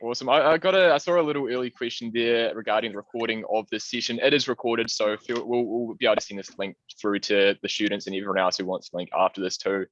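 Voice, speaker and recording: A man moderating an online panel in a relaxed, friendly way. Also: mid-range voice, quick pace, few pauses, no room sound. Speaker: panel facilitator. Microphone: video call. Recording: dry, dull call audio.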